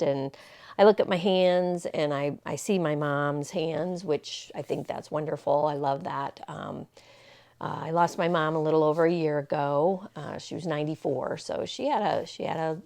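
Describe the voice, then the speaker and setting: A woman in her sixties vlogs casually to camera, rambling and reflective, with plenty of fillers and restarts. Her voice sits low, with a dark, clear and resonant tone.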